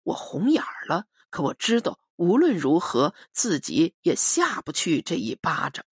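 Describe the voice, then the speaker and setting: A woman narrating a novel as an audiobook, in a measured, expressive storytelling manner. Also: on the low side, husky, dry recording, studio quality.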